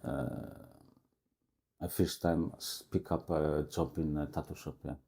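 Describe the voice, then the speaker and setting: A man in his forties from Poland with a Polish accent, speaking halting non-native English as a guest in a casual interview. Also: rumbling low, gravelly, mellow, breathy edge. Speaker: guest tattoo artist. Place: tattoo shop.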